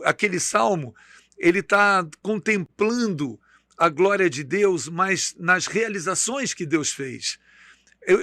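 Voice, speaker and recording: A man's voice: sits high, pushed and bright, dry recording. A middle-aged Brazilian man, a bishop hosting a church podcast, speaking emphatically in a preacherly way and quoting scripture. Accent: Brazilian Portuguese.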